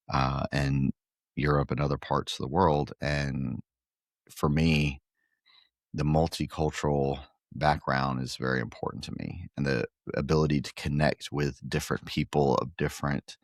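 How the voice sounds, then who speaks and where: Deep voiced middle aged guy from guatemala chatting earnestly on a podcast, lots of ums, dry mic. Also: no echo. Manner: earnest, rambling with frequent fillers and restarts. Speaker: pickleball facility owner and podcast guest. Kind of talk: casual interview chat.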